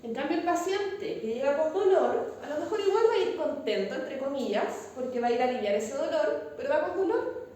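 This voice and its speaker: A woman with a Chilean accent gives a relaxed classroom lecture and keeps asking her students whether they follow. Her voice sits high, and it reaches the distant mic through heavy room echo with a faint hiss underneath. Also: fairly quick. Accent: Chilean Spanish. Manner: conversational, checks understanding with frequent tag questions. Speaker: instructor teaching a class. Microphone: far from the mic. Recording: very echoey classroom, far-off mic, some noise.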